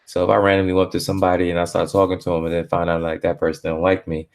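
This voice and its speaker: A man from Barbados rambling casually on a live stream, laid-back and slangy, full of filler phrases and shout-outs. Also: low-pitched, monotone, racing.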